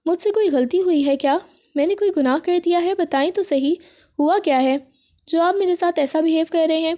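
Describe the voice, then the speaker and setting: A woman voicing a hurt young wife who pleads and questions in a high, soft-toned voice. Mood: pleading. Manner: pleading, emotional.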